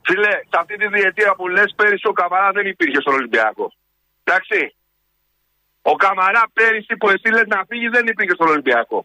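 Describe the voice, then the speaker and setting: High-pitched forceful Greek man arguing. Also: big pitch swings, no echo, low-quality recording. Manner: argumentative, emphatic, keeps interrupting. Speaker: radio show host. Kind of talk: heated sports radio debate.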